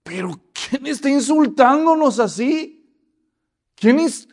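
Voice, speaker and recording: A man's voice: very high-pitched, flat delivery, quick pace, voice pushed up. A man voicing a young male shepherd, eager and bewildered, asking questions.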